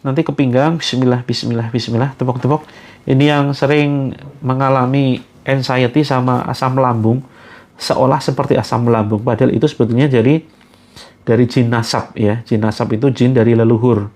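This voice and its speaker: Man, spiritual healing coach, calm step-by-step instructions, repeated Arabic invocations, gentle pacing, mid-pitched voice. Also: normal speed. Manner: addresses listeners as friends, gently paced. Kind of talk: guided self-healing session with prayers.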